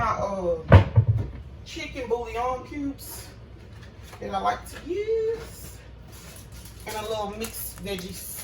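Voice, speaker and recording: A woman's voice: fairly high pitch, noisy background. A woman hosting a casual cooking vlog in her home kitchen, chatting to viewers. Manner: chatty, talks to viewers as y'all. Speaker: cooking vlogger. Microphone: phone camera. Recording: echoey kitchen, phone mic at a distance.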